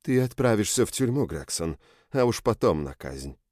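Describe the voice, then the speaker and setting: A man's voice: on the low side, very animated, normal speed, darkish tone, no room sound, studio quality. A man voicing a stern commander who interrogates a prisoner directly.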